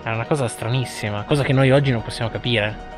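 A man's voice: medium pitch, quick pace. Man chatting on a trail over music. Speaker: hiking vlogger. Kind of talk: casual vlog chat. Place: outdoors on mountain trail. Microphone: action camera at arm's length. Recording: music behind outdoor talk.

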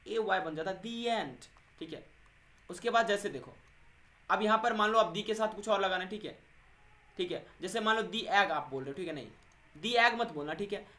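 A man teaching English grammar in a chatty, explanatory lesson, checking in with "okay" after almost every point and slowing down to stress key words. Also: sits high, pushed and bright. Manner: addresses viewers as friends, stresses words by slowing down. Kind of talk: explanatory classroom-style lesson.

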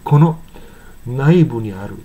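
A man explaining the words of an English song in an unhurried, halting way, with many fillers and slow, careful reading of the English lines. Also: medium pitch, lively intonation, dark tone, slightly rough, lo-fi sound. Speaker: English teacher.

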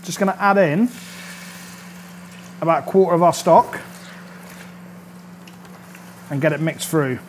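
A cooking show host in his thirties gives a casual demo in a studio kitchen, upbeat and chatty, repeatedly checking in with "all right?" while the pan fries. He talks at a moderate pace in a voice on the high side, with slight background noise.

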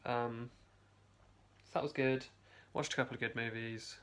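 A young adult vlogger records a casual video diary in his basement at home, a phone camera held close. His mid-range voice is smooth, a bit bright, unhurried and fairly even in intonation, while his talk rambles with frequent fillers and restarts.

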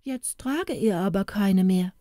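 A woman's voice: medium pitch, lively intonation, a little slow, dark tone, dry recording, natural voice. Female reader as a bold young woman of a forest house, bossy and urgent, dry close sound.

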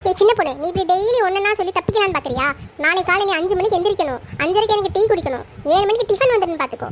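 A woman's voice: very high-pitched, lively intonation, racing, a little hiss or hum. A woman voicing a strict, grumbling middle-aged cartoon mother-in-law who nags and complains in Tirunelveli Tamil. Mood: bossy. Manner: nagging, complaining, bossy.

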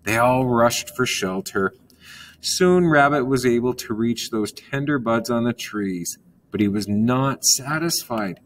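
A man reading a children's story aloud in a calm manner, gently explaining words along the way. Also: medium pitch, measured pace, slight background noise.

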